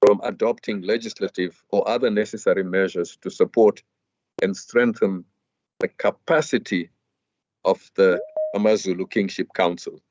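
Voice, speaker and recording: Guy arguing in court, formal, lowish voice, dull dry lo-fi sound. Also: a little mellow, no room sound. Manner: measured, formal, with hesitant fillers and restarts. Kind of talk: legal argument. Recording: dull lo-fi dry hearing audio.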